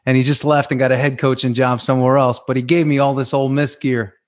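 A man's voice: medium pitch, level tone, quick pace. A man hosting an interview podcast, asking questions in a casual, encouraging way. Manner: encouraging, affirming, laughs along. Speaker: podcast host and coach.

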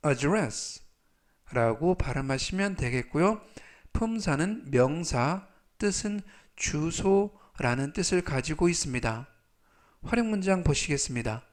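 A man teaching English vocabulary in a scripted lesson, speaking. He reads each English word slowly, repeats it, and then explains its meaning. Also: on the high side.

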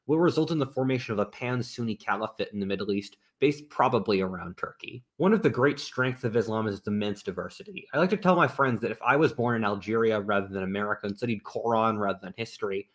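A man narrating a scripted video essay in a measured, opinionated way, played inside another video. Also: on the low side.

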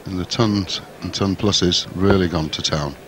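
A man's voice: sits low, unhurried. A man giving live television darts commentary in short, clipped phrases. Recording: crowd roar and noise behind commentary. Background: darts arena crowd.

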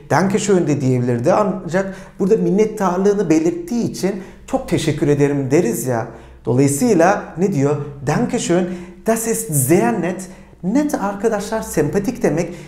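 Lively teacher in an echoey room. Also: mid-range voice. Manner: explains patiently, asks the learners rhetorical questions; repeats phrases slowly and clearly for pronunciation. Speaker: German language teacher. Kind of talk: spoken language lesson. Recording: roomy echo.

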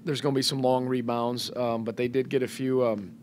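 A man's voice: mid-range voice, level tone, brisk, a little mellow, slight background noise. A middle-aged man, a head basketball coach, answering questions at a post-game press conference, speaking thoughtfully with many fillers and restarts into a table microphone. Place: press room in front of a sponsor backdrop.

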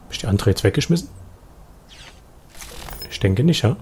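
Excitable Saxon gamer with a lively voice. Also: male voice, mid-range voice, moderate pace, a little hiss or hum. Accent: Saxon German. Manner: excitable, loud outbursts, swearing at enemies. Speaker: let's play commentator. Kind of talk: live gameplay commentary.

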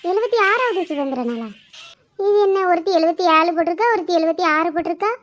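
A woman's voice: very high-pitched, expressive, fast. A woman performing a one-woman comedy sketch, switching between a scolding mother, a whiny girl and a friend. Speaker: comedy sketch creator playing all the parts.

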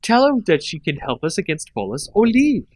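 A man's voice: high-pitched, big pitch swings, normal speed, darkish tone, no echo, pitched above the performer's own voice, exaggerated voice. A man voicing an angry female elf warrior who speaks harshly and accusingly in a read-aloud fantasy story.

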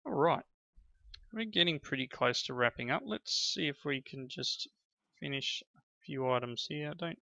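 A middle-aged man who hosts a gaming channel plays with his children and chats casually through the game, praising them as he goes. His mid-range voice is gravelly, pushed and bright at a normal speed, with no room sound on a slightly dull lo-fi recording.

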